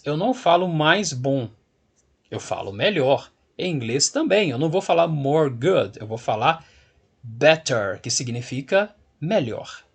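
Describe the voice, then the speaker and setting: A man's voice: fairly high pitch, husky. A man teaching an English grammar lesson, explaining rules patiently and checking in often with a rising "ok?".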